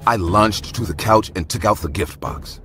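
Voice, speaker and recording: A man giving a measured, dramatic scripted narration of a horror story. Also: low voice. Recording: narration over loud music.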